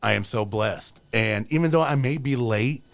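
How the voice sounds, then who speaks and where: Here the forties-aged wrestler's voice is gravelly and medium-pitched, moving at a normal speed with no echo. As a podcast guest in a casual interview, he comes across earnest and motivational, rambling and full of fillers like "you know."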